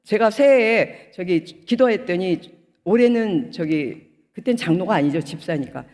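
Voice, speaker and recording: A woman's voice: fairly low pitch, a little slow. A woman pastor in her sixties tells her testimony from the pulpit, her voice swinging widely up and down as she acts out each person in the story. She swells into fervent, emotional outbursts between stretches of plain telling. A long reverb from a big hall trails after every phrase. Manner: animated storytelling, acting out quoted dialogue. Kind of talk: testimony sermon at a prayer retreat. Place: prayer retreat hall.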